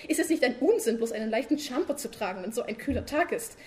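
A woman voicing a fussy, nagging female beetle wife in a read-aloud story, high, insistent and preachy. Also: expressive, fast talker, darkish tone, a little hiss or hum, natural voice.

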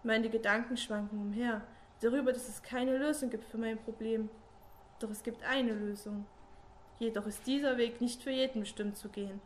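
A woman reading a dark first-person story, slow and solemn, with long pauses. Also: on the high side, steady tone, slight background noise. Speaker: narrator.

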